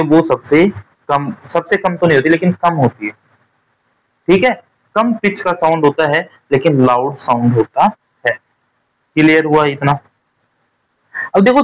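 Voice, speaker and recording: A man teaching a nursing exam lesson, putting quick questions to his students and checking that they follow. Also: on the high side, low-quality recording. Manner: repeats points as quick quiz questions to students; keeps checking with "theek hai" and "clear hua". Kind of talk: classroom-style lecture.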